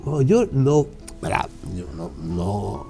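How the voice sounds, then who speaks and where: Older man, TV studio guest, lively anecdotal delivery. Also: lowish voice, slow, creaky, soft background music. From Spain (Málaga). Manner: lively, animated, many fillers and asides. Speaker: guest, geographer. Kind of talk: casual conversational storytelling.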